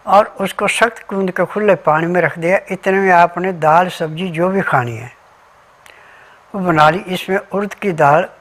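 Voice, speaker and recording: A remedy advisor's instructional health talk, this man's high-pitched, fairly bright voice walks methodically through ingredients and diet rules in order.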